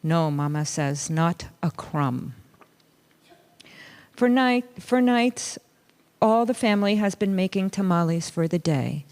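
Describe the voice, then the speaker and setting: A woman reading a picture book aloud in a deliberate, pausing way, acting out short bits of dialogue and saying Spanish words a little haltingly. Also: mid-range voice, lively intonation, darkish tone. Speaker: reader of a children's story at a church service. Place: church service, reading aloud to a gathering.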